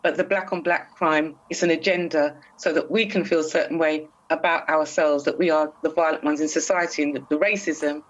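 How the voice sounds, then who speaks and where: British lady radio host, lowish voice, long winded questions, kinda muffled lo-fi audio. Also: steady tone, a little fast, hardly any pauses. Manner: posing questions in long setups. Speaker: radio talk show host. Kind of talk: radio talk show interview. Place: radio studio. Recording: dull lo-fi sound.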